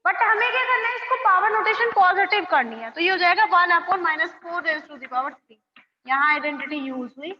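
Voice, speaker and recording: A woman's voice: extremely high pitch, lively intonation. A woman maths teacher working through exponent problems step by step, with a habit of checking in often. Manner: slow, checks in with "theek hai" often. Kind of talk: classroom lesson, working through problems aloud. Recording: roomy, dull lo-fi classroom echo.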